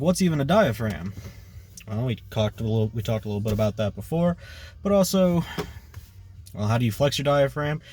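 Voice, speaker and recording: A man teaching a casual singing lesson in a loose, rambling way, full of fillers and quick "right?" checks. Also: mid-range voice, darkish tone. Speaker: vocal coach.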